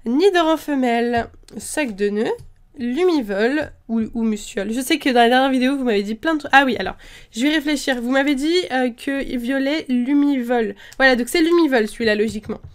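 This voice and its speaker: A woman's voice: high-pitched, brisk, clear, resonant tone. A woman chatting casually while opening trading card packs, thinking aloud with frequent fillers and restarts. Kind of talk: casual unboxing chat.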